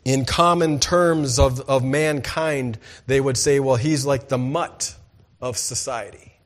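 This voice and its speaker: A man preaching a sermon in church, asking rhetorical questions and calling for "amen", moving between loud emphatic lines and quiet low asides. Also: steady tone, takes it slowly. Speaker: pastor.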